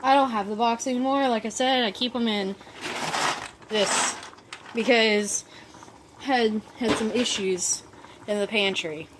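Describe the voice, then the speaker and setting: A woman's voice: fairly high pitch, unhurried, pauses often, noisy background. A woman talking casually through a cooking vlog, a bit drunk, rambling and easygoing as she reassures her viewers. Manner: easygoing, self-deprecating, reassuring. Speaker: cooking vlogger.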